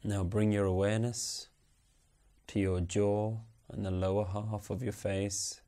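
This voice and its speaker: A man guiding a body relaxation meditation with slow, soothing, unhurried instructions. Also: lowish voice, flat delivery, warm tone. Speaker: meditation guide. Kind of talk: guided relaxation script.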